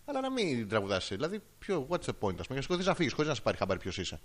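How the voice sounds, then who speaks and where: A man's voice: medium pitch, huge pitch swings. A man co-hosting a casual comedy podcast, crude and playful in an emptied, echoey room. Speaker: podcast co-host.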